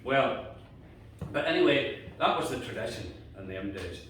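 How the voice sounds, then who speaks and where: A man's voice: medium pitch, big pitch swings, moderate pace, a bit bright. A Northern Irish man telling a folk tale live in colloquial language, building it with repeated phrases. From Antrim, Northern Ireland. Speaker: storyteller. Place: indoor cottage gathering. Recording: very echoey room, distant microphone, faint noise.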